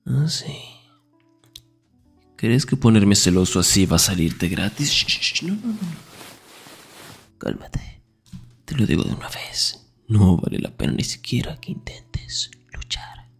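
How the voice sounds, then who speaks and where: A young man voicing a possessive, jealous male best friend in a slow, commanding whispered role-play, close to the microphone. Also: on the low side, sing-song, breathy edge, soft background music, heavily acted. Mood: possessive dominant. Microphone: close-up ASMR microphone.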